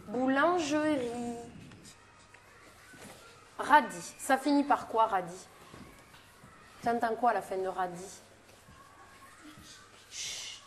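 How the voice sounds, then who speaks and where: A woman's voice: mid-range voice, slight background noise. A woman teaching young children in class, speaking patiently, prompting with questions and repeating their answers back. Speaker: primary school teacher.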